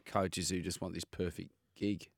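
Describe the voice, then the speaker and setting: A man's voice: sits low, flat delivery, normal speed, gravelly, dry recording, studio quality. An Australian man co-hosting sports radio, opinionated and questioning in casual chat. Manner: opinionated, asks questions, laughs easily. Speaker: radio co-host.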